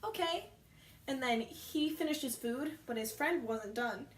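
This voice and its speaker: A young woman with a slightly high, unhurried voice chats casually, telling rambling stories about her job and frequently correcting herself. The storytime-style talk was recorded in an echoey room.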